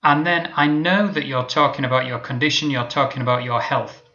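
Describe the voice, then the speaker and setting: A man teaching an English lesson, explaining patiently and modelling example sentences slowly. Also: medium pitch, fairly even intonation, bright, forceful tone, muffled recording.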